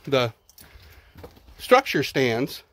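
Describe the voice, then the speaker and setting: This middle-aged vlogger has a Texan accent and a mid-range, slightly bright voice with big pitch swings, speaking very slowly over slight background noise. Holding a phone camera, he explores an outdoor ruined zoo, narrating casually, thinking aloud and repeating words.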